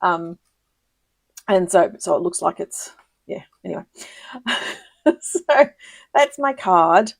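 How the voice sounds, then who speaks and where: A woman hosting a casual live crafting tutorial, chatty and giggly, with many ums and quick self-corrections. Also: lowish voice, expressive, gravelly, slightly rough, no room sound. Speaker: papercraft demonstrator hosting a live video.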